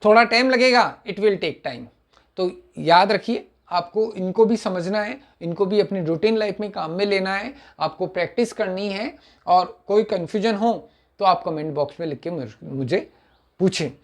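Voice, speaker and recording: Man slowly drilling English sentences. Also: high voice. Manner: slow, drilled repetition of example sentences, clearing throat. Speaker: spoken English teacher. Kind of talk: online spoken English lesson.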